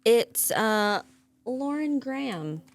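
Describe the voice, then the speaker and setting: A woman's voice: a little high, expressive. A woman in her thirties co-hosting a podcast in casual chat, playful and teasing. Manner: playful, teasing, quick to laugh. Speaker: podcast co-host.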